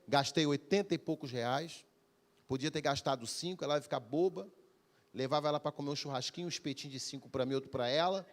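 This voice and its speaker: A man preaching a Sunday evening sermon as pastor, calling for amens and acting out everyday conversations. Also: on the high side. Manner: preaching with call-and-response, acting out everyday dialogues. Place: church service.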